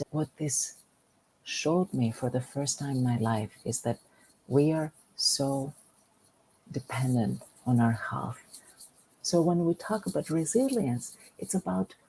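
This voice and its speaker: Greek-born woman with a gravelly, dark voice. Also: low-pitched, low-quality recording. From Greece. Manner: earnest, repeats words when starting. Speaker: guest. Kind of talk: podcast interview.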